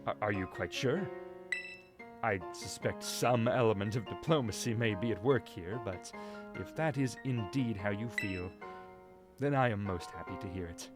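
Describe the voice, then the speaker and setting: A man's voice: fairly low pitch, normal speed, music in the background, close to an everyday voice. A man playing a courteous, dignified older academy director with formal, polite wording, in a fan dub. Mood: courteous, pleased. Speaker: school director character.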